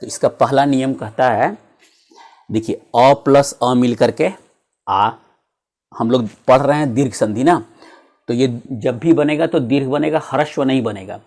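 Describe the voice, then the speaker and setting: A man's voice: mid-range voice, a little slow, a little mellow. A male teacher, explaining a grammar lesson step by step and asking his students rhetorical questions.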